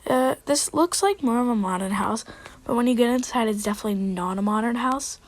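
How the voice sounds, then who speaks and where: A woman's voice: on the high side, a little fast. A young woman with a slightly cracky voice, giving a casual, hesitant, rambling commentary as she hosts a game tour. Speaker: video host.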